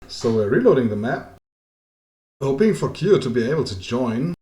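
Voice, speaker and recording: A man with a German accent commentating a live strategy game as caster, chatty and joking, lifting into excitement on the action. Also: mid-range voice, moderate pace, reverberant. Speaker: esports caster.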